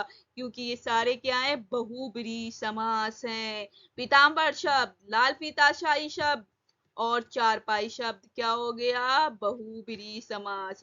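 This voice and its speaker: A woman's voice: sits high, bright, forceful tone, dull audio. A woman teacher going through exam questions, asking her students each answer again and drawing out key words. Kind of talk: exam-prep lesson.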